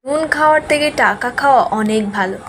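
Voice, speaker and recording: A cold, scheming villainess who makes threats in a calm voice, read by a woman narrator. The voice is fairly high, with faint room ambience behind it. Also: brisk, slight background noise. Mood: threatening.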